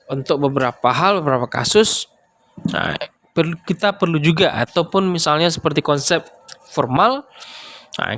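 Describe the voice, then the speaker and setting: A man lectures in a loose, conversational way. His voice sits a little high, and he fills his pauses with short tag words as he explains. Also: fairly bright tone. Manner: explains with many fillers like "nah" and "ya". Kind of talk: casual lecture.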